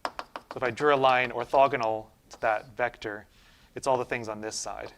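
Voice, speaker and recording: A man's voice: mid-range voice, fairly even intonation, moderate pace, fairly bright tone. A man lecturing a university class in a loose, informal way, thinking aloud with many fillers, restarts and "right?" checks. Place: lecture room.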